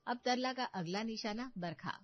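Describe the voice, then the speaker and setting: A woman giving scripted narration for an animated story, steady and even. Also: a little high, normal speed, dull audio.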